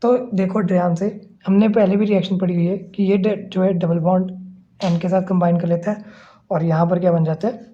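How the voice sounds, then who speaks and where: A man's voice: high voice, flat delivery, normal speed, mellow. Male chemistry teacher, lecture style, step-by-step explaining, frequent check-ins, slightly dull lo-fi sound. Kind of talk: classroom lecture. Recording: slightly muffled lo-fi recording.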